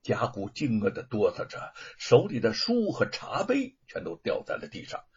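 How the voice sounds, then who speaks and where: A man's voice: mid-range voice, normal speed, husky, highs cut off. A man telling a historical tale in a dramatic, theatrical storytelling style. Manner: animated, theatrical delivery.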